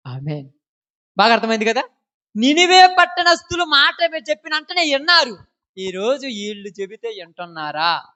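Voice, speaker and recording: A woman preaching an informal sermon who scolds her listeners and keeps asking them rhetorical questions. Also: medium pitch.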